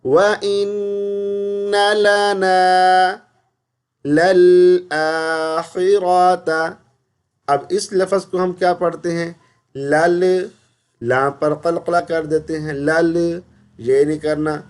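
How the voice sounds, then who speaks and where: A male Quran teacher with a resonant, somewhat high voice. He walks through pronunciation mistakes one by one, posing questions and answering them himself. He recites the verses in long, slow, drawn-out tones. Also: steady tone. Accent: Pakistani. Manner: explains pronunciation step by step, asks and answers his own questions. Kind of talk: recitation lesson.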